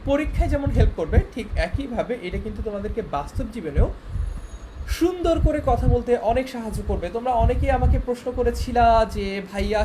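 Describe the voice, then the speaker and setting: Lecturing an online class, a young man with a high voice walks through the material one step at a time. He frequently makes sure his students can keep up. Background noise is present.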